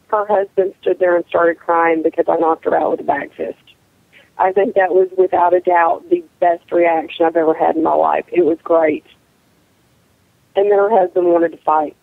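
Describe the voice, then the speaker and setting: A woman's voice: fairly low pitch, steady tone, normal speed, gravelly, no room sound. Blunt woman on a tinny phone line. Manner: blunt, matter-of-fact storyteller. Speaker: co-host, wrestler. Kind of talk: casual radio chat.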